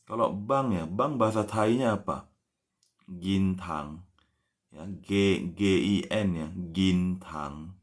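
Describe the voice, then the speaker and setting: A man giving a casual language lesson, patiently explaining words and spelling them out letter by letter, ending many phrases with a soft "ya". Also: lowish voice, lively intonation, moderate pace. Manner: frequent tag "ya" after phrases. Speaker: language teacher.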